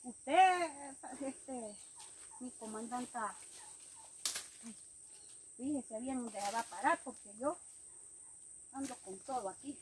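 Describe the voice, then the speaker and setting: A woman's voice: fairly high pitch, animated, slow pace, long pauses, background noise. A woman outdoors in brush, playing a complaining corporal in an improvised skit, often dropping to a mutter.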